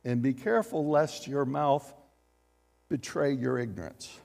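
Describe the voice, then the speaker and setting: A man preaching a sermon as pastor, animated and acting out quotes as he speaks. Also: medium pitch, a little slow, vocal fry, long reverb tail. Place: church sanctuary.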